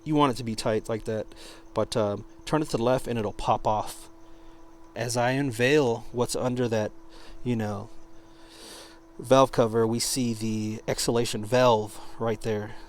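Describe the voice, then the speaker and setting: A man giving an informal hands-on product demonstration, speaking haltingly as he searches for words. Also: mid-range voice, fairly even intonation, a little hiss or hum. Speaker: product reviewer.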